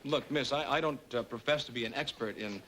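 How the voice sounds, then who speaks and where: An actor playing a harried young newspaper reporter, exasperated and stammering, in a 1960s sitcom. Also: male voice, medium pitch, fairly quick, a bit bright, a little hiss or hum, natural voice. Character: harried young male reporter, put-upon nephew.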